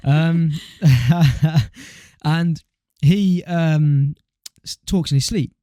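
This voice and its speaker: Laid-back young British man, mellow voice. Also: a little high, drawn-out words, no echo, studio quality. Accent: British English. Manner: laid-back slangy storytelling with fillers. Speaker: podcast co-host. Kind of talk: casual chat.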